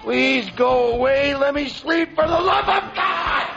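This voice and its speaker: A man's voice: very high-pitched, measured pace, creaky, heavily acted. A man playing an exasperated, sleepy hotel guest who pleads to be left alone. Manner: pleading, fed up. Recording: dull lo-fi clip with music.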